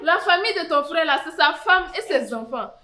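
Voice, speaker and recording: An actress playing a sharp-tongued widow with an Ivorian French accent, insistently defending her land. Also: high voice, animated, a little fast, reverberant. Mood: defiant. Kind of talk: community theatre acting.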